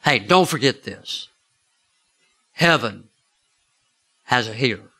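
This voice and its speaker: Bright-voiced preacher telling a story. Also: male voice, medium pitch, animated, slow pace, husky. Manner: chatty, asks the listeners questions. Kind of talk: storytelling sermon.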